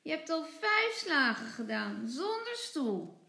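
Woman putting on a bossy proud little girl, high voice, slow and bouncy, roomy sound. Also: sing-song, gravelly, pushed and bright, exaggerated voice. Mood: eager.

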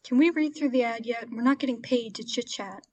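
A woman's voice: a little high, a little fast, darkish tone, lightly acted. A woman voicing a blunt, impatient giant rat intern in a comedy script read aloud. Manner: blunt, bossy.

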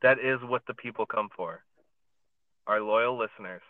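A man's voice: lowish voice, moderate pace, dry recording. A man co-hosting a podcast from his parked car, chatting casually and rambling with lots of fillers and restarts. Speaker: podcast co-host. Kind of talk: casual chat. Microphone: phone over a podcast app. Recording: tinny phone-line sound.

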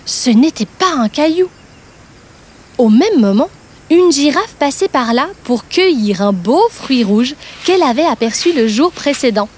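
A woman narrating a children's story in a gentle, clear and expressive way. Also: sits high, a little slow, a little hiss or hum.

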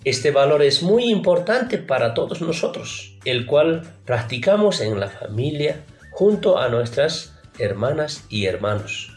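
A male teacher giving a formal lesson who addresses his pupils directly and explains patiently with rhetorical questions. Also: mid-range voice. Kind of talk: recorded classroom lesson. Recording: roomy echo, faint music behind.

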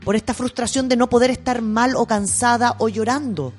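A woman's voice: a little high, steady tone, normal speed, darkish tone, faint music behind. A woman with a Chilean accent in casual talk, telling stories animatedly, acting out quotes and swearing freely. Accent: Chilean Spanish. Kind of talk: casual chat.

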